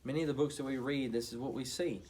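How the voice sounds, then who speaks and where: A man reading a children's bedtime story aloud, talking to listeners in a gentle, affectionate way. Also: mid-range voice, steady tone, fast talker.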